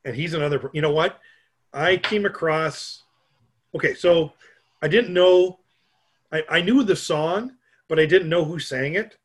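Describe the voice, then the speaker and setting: A middle-aged man from Minnesota, talking in a fairly high voice. He rambles in easygoing podcast chat and pokes fun at himself. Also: a little slow, pauses often, breathy edge. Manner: rambling, joking, self-mocking. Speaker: podcast co-host. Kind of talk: casual chat.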